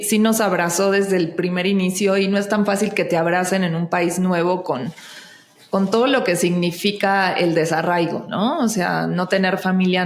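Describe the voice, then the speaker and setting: Argentine woman, Mexican accent, lowish voice, roomy echo, animated guest. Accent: Mexican Spanish. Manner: animated, with many fillers and self-restarts. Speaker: guest, actress and singer. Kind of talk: casual podcast conversation.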